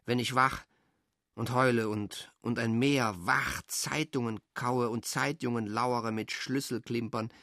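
A man performing an experimental spoken-word text as a restless stream of consciousness, swinging between low mutters and sudden outbursts. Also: fairly even intonation, measured pace, bright, forceful tone, no echo, clean studio sound.

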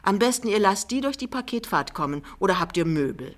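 A woman's voice: medium pitch, lively intonation, fairly quick, lightly acted. A woman reading an audiobook, voicing a vain, thrifty middle-aged mother with a gushing, bossy and theatrical manner.

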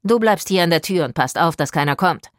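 Brief: mean storybook sailor, hissing and threatening, low and dry, as a narrator plays him. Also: female voice, lively intonation, fairly quick, dry recording, natural voice. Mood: curt. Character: sneering adult male sailor, menacing. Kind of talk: audiobook narration.

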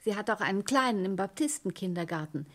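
An actress playing a gentle, wistful sister in a surreal radio play, softly recalling the past. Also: female voice, mid-range voice, expressive, fast talker.

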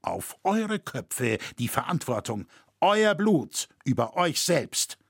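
A proud, resolute master builder of a cathedral, as a male reader puts him on. His firm speech swings widely in pitch, and his voice is a little husky. It is heard in a dry, close storybook reading. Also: very animated, dry recording, exaggerated voice. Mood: defiant. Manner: firm, measured declaiming.

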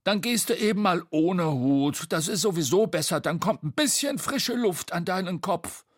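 A man voicing a cheeky, bossy little male storybook creature in a high, perky voice, dry and close. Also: lively intonation, moderate pace, dry recording. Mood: breezy, cocky. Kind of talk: storybook read-aloud.

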